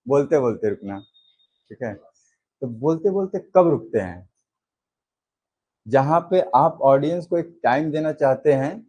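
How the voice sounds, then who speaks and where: Male commerce teacher, mellow husky voice, slow measured lecturing delivery. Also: low-quality recording. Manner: slow, unhurried explaining with demonstrative pitch changes. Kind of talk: classroom lecture.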